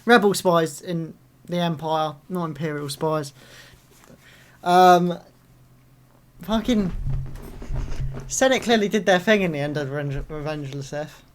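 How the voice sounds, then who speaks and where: A young man hosting a live reaction video, casual and excitable, swearing and breaking into loud bursts of delight. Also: a little high, a little slow, long pauses, a little hiss or hum.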